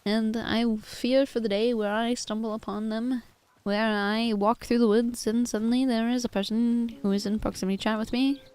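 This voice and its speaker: A woman's voice: fairly high pitch, steady tone, normal speed, clean tone. A woman streaming a game, speaking in a stiff, formal put-on character accent while greeting raiders and chatting. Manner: greets raiders and chat warmly. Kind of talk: live gaming stream chat.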